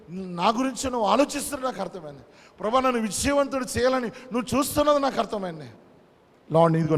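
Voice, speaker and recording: A male pastor delivers a fervent sermon, hammering home his points through repetition and dropping in English phrases. His voice sits high for a man. A long hall reverb trails behind each line. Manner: preaching with emphatic repetition, mixing in English phrases.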